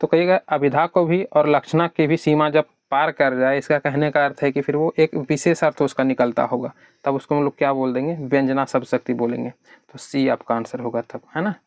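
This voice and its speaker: A man's voice: mid-range voice, fairly even intonation, a little fast, no echo, clean studio sound. A man teaching an exam prep lesson in a conversational way, answering his own questions on behalf of his students.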